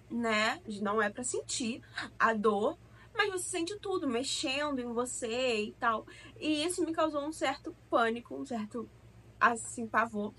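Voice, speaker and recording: Bright high-voiced young woman vlogger. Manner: chatty, emotional, addresses viewers as "gente". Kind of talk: personal storytelling to camera.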